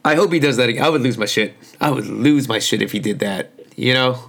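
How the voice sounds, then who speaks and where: A man hosting a casual sports podcast in slangy, informal talk, his voice hoarse and worn out as if from yelling. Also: medium pitch, fast. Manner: informal, slangy, mildly profane. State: hoarse, voice shot from overuse. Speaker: podcast host.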